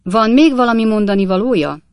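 A woman voicing a pompous, irritable male magistrate who talks loud and sharp in a storybook reading. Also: fairly high pitch, lively intonation, smooth, no room sound, studio quality, pitched above the performer's own voice. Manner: loud, sharp and self-important.

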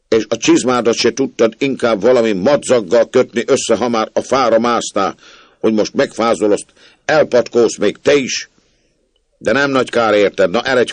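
A man reading a story aloud, voicing a cranky, ailing old country gentleman who scolds and thunders. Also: lowish voice, dry recording, voice pushed up. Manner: scolding, blustering, thundering outbursts.

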